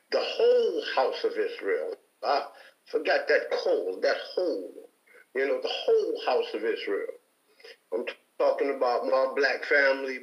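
A panel guest from Detroit, Michigan, gives an emphatic, preacher-like testimony in a heated debate, repeating himself for stress. His mid-range voice sounds dull, and the room is echoey.

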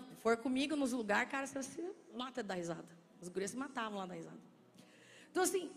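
A woman pastor preaching a sermon, playful and joking with the congregation, then slowing into soft, intimate speech. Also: sits high. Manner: slows and softens into quiet, intimate speech. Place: church sanctuary. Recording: long church reverb.

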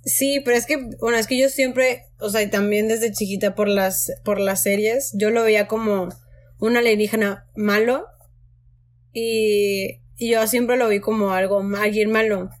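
A woman, chatting casually as a podcast co-host, talkative and quick to laugh, with hesitant restarts. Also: mid-range voice, fairly even intonation. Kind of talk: casual chat.

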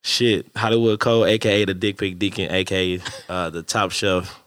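A man's voice: low-pitched, steady tone, a little fast, a bit bright, no echo, studio quality. A man co-hosting a casual podcast chat, sounding slightly nasal from a cold, laid-back and profane, laughing often. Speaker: podcast co-host.

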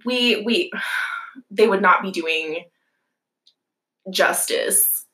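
A woman's voice: medium pitch, extremely slow, sharp tone. A young woman talking as a podcast guest, casual and sarcastic, telling wry stories. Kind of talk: casual chat. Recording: roomy echo.

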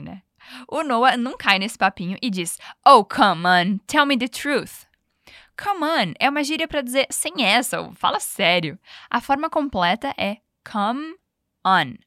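Woman teaching english on a podcast, patient and coaxing, repeats phrases nice and slow. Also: mid-range voice, a bit bright, dry recording, studio quality. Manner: patient, coaching, slows down for model phrases. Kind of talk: podcast language lesson.

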